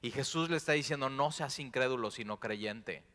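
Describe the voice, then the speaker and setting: A male pastor preaches with a bright, forceful voice that carries through a long hall reverb. He drops to hushed, prayerful tones, then surges into loud exclamations. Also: medium pitch, moderate pace. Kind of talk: sermon. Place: church sanctuary.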